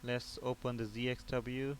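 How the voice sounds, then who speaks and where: A repair technician instructor, a man with a mid-range voice, talks at a normal speed with flat delivery. He gives an informal step-by-step technical tutorial in an explanatory way, often posing a question and answering it himself. The background is free of noise.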